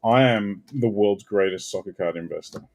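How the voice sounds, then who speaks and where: A man hosting a card break, chatting casually and bursting out loudly as he calls out the cards he pulls. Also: on the low side, normal speed. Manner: animated, bursts out loudly calling card names. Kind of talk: casual live card-opening chat.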